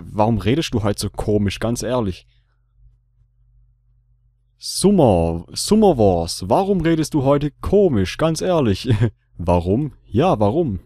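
A man's voice: on the low side, mellow, no echo, studio quality. A man hosting a gaming video in casual commentary, joking and repeating his own lines aloud. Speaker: let's play host.

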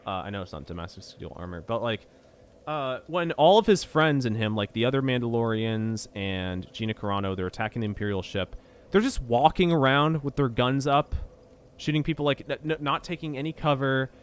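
A medium-pitched young man talks fairly quickly while gaming on stream, keeping the chat casual. His talk rambles and stammers, and he swears when annoyed.

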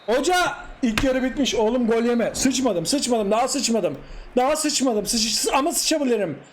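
High-voiced excited young Turkish man gaming. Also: a little slow, slight background noise. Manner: animated, exclaims and repeats short cries at the screen. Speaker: gaming YouTuber. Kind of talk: excited live gameplay commentary.

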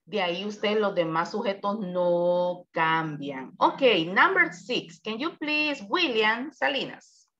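A woman's voice: medium pitch, expressive, slow, hardly any pauses, fairly bright tone, dull audio. A woman teaching an English class over a video call, explaining grammar patiently. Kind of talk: online class instruction.

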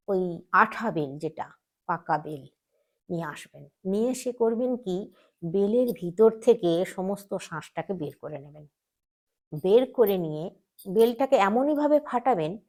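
A woman hosting a devotional channel, giving spiritual advice in a patient, instructive way and repeating each step slowly. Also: medium pitch, a little mellow. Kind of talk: casual spiritual advice talk.

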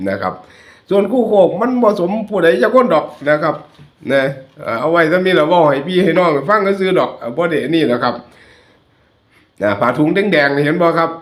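A man with a Northeastern Thai Isan accent, hosting his channel and chatting jokingly with viewers over photos. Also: a little high. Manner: chatty, joking, addresses viewers as brothers and sisters. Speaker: YouTube channel host. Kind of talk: casual commentary over photos. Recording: roomy echo.

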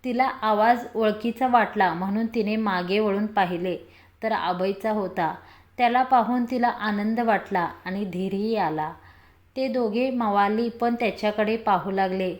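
A woman narrating a story in a steady, even reading voice. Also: mid-range voice, unhurried.

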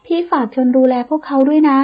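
A woman's voice: high voice, fast talker, pitched above the performer's own voice, lightly acted. A woman voicing an anxious older sister asking urgent questions on a phone call, in an audiobook.

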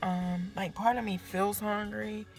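A woman's voice: mid-range voice, fairly even intonation, unhurried, faint music behind. A young woman chatting casually to viewers from inside a house, rambling and often sinking into a half-whisper as her voice fades. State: voice fading low. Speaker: vlogger.

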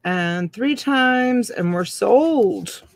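A middle-aged woman hosting a live online auction from a room at home, counting items and calling bids slowly on a webcam. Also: medium pitch, animated, creaky.

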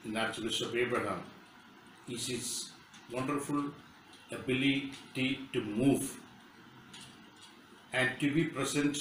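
A man's voice: medium pitch, fairly bright tone. An older man with an Indian accent giving a formal spoken tribute as a bishop. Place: indoor room, seated. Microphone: phone camera across the room. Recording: very echoey, distant mic, faint noise.

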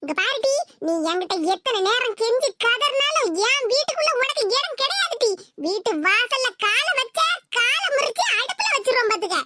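A woman voicing a harsh, scolding old village mother-in-law with a Tirunelveli accent in an animated cartoon. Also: very high-pitched, moderate pace. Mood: stern. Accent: Tirunelveli Tamil. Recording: hissy home recording.

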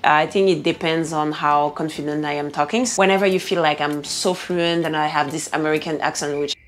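A woman with a French accent talks straight to camera, answering viewers' questions. Her voice sits low, and she is earnest and encouraging, often restarting mid-sentence. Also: steady tone, brisk, slight background noise. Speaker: fitness and nutrition vlogger. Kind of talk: casual Q&A monologue to camera.

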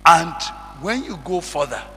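A man's voice: fairly high pitch, expressive, measured pace, pushed and bright, soft background music. A man preaching a sermon, reading scripture in old-fashioned wording and calling out questions to his listeners. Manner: reads scripture aloud in King James wording, calls out questions to the congregation. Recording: long reverb, faint noise and hum.

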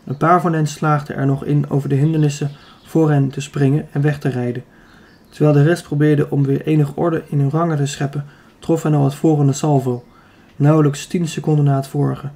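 Male audiobook reader, slightly high, mellow, steady storytelling. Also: a little fast. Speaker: audiobook narrator. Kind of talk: scripted narration.

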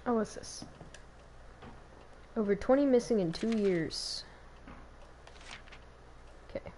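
A woman's voice: fairly high pitch, slow, mellow, a little hiss or hum. A young woman giving casual gameplay commentary as a streamer, chatty and giggly, talking to herself. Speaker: game streamer.

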